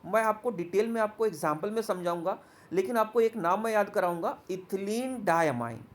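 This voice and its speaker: A man with a high-sitting, expressive voice teaches a chemistry lesson. He reads English points from slides, explains them in Hindi, and often asks the class quick questions.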